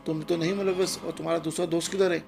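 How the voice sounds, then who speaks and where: A man's voice: on the high side, little pitch movement, creaky, darkish tone. A man narrating a first-person horror story in an anxious, tense retelling, with music playing underneath.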